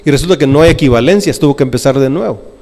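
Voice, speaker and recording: A man's voice: medium pitch, lively intonation, racing, darkish tone. A middle-aged man preaching a sermon in church, asking the congregation to respond and acting out quoted voices. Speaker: pastor. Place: church sanctuary. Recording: long hall reverb.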